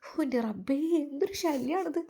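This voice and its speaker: A woman's voice: expressive, normal speed, mellow. A woman putting on a sulky, proud young woman. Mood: defiant. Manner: curt, high and defiant.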